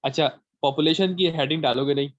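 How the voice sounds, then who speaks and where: A man's voice: on the high side, fast, dry recording. A man explaining a computer task over a voice call, patiently going step by step and checking that the listener is following. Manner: patient, repeats checks for understanding. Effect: heard over a voice call. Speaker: instructor. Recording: dull, lo-fi call audio.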